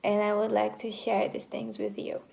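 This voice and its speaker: A woman's voice: mid-range voice, completely flat delivery, moderate pace, gravelly, a little mellow. A woman in her early twenties from Brazil with a Brazilian Portuguese accent, introducing herself in a hesitant, casual vlog. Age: 20s. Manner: hesitant, with fillers and restarts. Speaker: vlogger.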